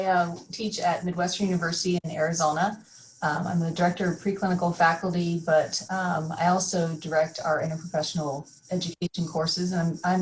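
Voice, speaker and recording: A woman's voice: lowish voice, slight background noise, rough recording. A woman who directs preclinical faculty, introducing herself in a friendly way on a video call. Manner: friendly, laughs lightly.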